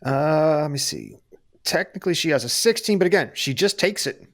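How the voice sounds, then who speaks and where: A male game master improvises tabletop narration. His voice is a bit higher than average and rises and falls a lot. He sounds conversational and animated. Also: moderate pace.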